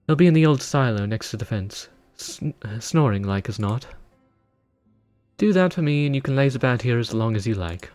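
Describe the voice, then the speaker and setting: A man's voice: lively intonation, moderate pace, a little mellow, dry recording, soft background music, natural voice. A man putting on a chatty tavern keeper accent. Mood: businesslike. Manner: put-on accent, higher than his own voice. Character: chatty fussy tavern keeper reading quest dialogue.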